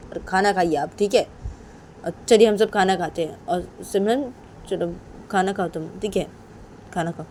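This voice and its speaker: A woman's voice: mid-range voice, a little hiss or hum, voice pushed up, close to an everyday voice. A woman voicing a young woman who keeps pleading with her father and her partner. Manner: pleading, repetitive, soft then insistent.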